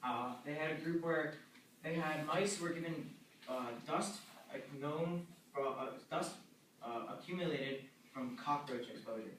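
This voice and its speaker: A man presenting a journal article to a class, talking haltingly with many fillers and restarts. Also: on the high side, fairly bright tone. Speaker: student presenter. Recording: echoey room, distant mic, noisy.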